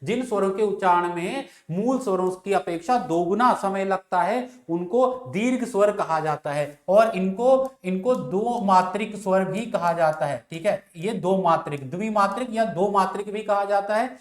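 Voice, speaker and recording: A man's voice: high-pitched, moderate pace, hardly any pauses, reverberant. A man teaching a class, who asks and answers his own questions, repeats each point, and draws out vowel sounds to show them. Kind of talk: classroom lecture.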